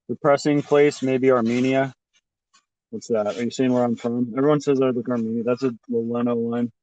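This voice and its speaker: A man's voice: medium pitch, fairly even intonation, normal speed, darkish tone, no room sound. A man streams live to his chat while out on city streets, wandering from thought to thought with plenty of swearing and filler words. His voice sits in a dry, close pickup from his phone, slightly dull and lo-fi. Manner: offhand, profane, rambling with many fillers. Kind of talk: casual rambling chat. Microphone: phone held by the streamer.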